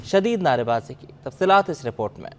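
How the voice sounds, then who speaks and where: A man reading a news bulletin as anchor, with brisk formal delivery. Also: medium pitch, expressive, a little hiss or hum.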